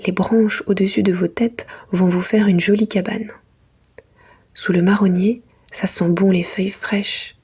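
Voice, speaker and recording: A woman reading a children's storybook in a hushed, breathy library whisper, in a soft ASMR style. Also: medium pitch, steady tone, a little slow. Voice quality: breathy, unvoiced.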